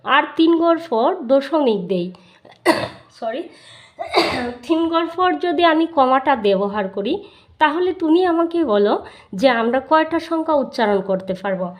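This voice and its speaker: A woman's voice: high-pitched, expressive, measured pace, long pauses. A woman with a Bangladeshi Bengali accent teaching a primary school math lesson, explaining step by step and answering her own questions.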